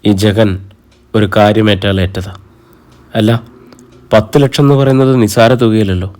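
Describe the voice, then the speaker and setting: A man's voice: fairly low pitch, normal speed, a little mellow, natural voice. A man voicing a cocky, scheming man who boasts and brushes off doubts. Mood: boastful.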